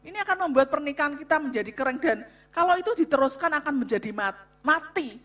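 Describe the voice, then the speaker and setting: A woman delivers a sermon on marriage in a high, bright voice. She speaks loudly and with emphasis, repeatedly addressing the listeners directly. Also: expressive, fast talker. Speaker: co-speaker at a church revival on marriage. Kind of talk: sermon-style talk to a congregation.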